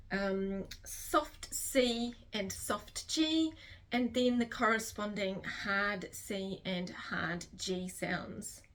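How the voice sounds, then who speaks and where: A woman's medium-pitched voice with a sharp tone leads a slow, structured phonics tutorial. She is a literacy teacher with a New Zealand accent, carefully sounding out each letter sound.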